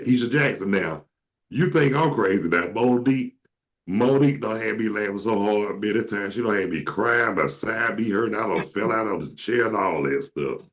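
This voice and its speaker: This very deep-voiced man from Atlanta, Georgia hosts a casual chat show, joking around, telling stories and breaking into comic impressions.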